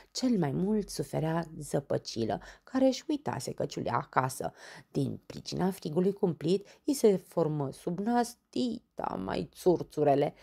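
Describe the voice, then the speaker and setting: A woman reading a children's bedtime story aloud, acting out the characters' lines with lively shifts in voice. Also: vocal fry. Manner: acts out the characters' lines with raised pitch and loudness.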